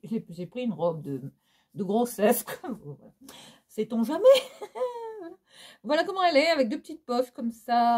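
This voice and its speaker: A woman's voice: medium pitch, mellow. A woman with a Réunionese French accent chatting casually in a fashion haul vlog, theatrical and full of laughs and fillers. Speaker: fashion vlogger. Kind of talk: casual haul chat to viewers.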